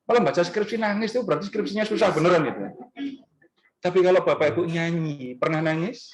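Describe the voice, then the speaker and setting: Speaking fast in a high-pitched voice, a man addresses a parish gathering in a restaurant function room with an Easter talk, conversational and full of questions for the audience. Key words get animated, rising emphasis, though the recording quality is low.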